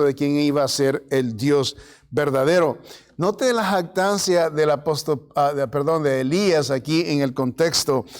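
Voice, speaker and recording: A male pastor preaching a sermon in a conversational way, often checking in with "¿verdad?" and in words. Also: on the high side. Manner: conversational preaching, frequent "¿verdad?" tags, mixes in English words.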